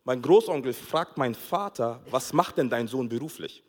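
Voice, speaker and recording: A man preaching a sermon as pastor, telling a funny family story with lively acted-out dialogue and frequent laughter. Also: medium pitch, moderate pace. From Togo. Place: church hall. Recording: long hall reverb.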